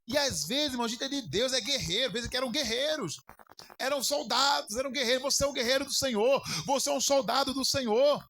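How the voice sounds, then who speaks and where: High-voiced pastor questioning his congregation. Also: quick pace, bright, forceful tone. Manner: keeps asking the congregation questions and calling them brother. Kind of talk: sermon on a Bible lesson.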